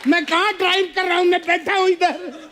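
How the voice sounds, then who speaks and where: A man with a very high-pitched voice plays an exasperated patient, protesting every diagnosis. A studio audience and clear background noise sit behind him. The setting is a comedy sketch. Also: fairly even intonation, fairly quick, crowd noise. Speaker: comic playing a patient.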